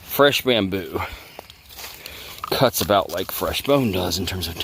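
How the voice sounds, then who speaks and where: A man's voice: deep voice, expressive, takes it slowly, background noise. A man from the States, filming a playful outdoor vlog on a handheld phone and teasing the plants as he talks. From southern United States. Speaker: bladesmith hobbyist vlogger. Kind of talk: casual outdoor demo vlog. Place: outdoors in a bamboo grove.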